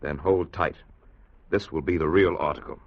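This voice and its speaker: An actor playing a confident, dry-witted inventor with an assured, wry manner in a 1950s radio drama style. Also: male voice, very deep voice, fairly even intonation, normal speed. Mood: triumphant. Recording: muffled vintage radio recording.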